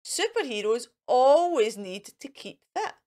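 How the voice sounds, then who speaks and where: An eager storybook wolf who fancies himself a superhero, acted out by a woman reader. The voice is high and lively, making proud, earnest declarations slowly and with a touch of theatre. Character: eager, boastful male cartoon wolf playing superhero.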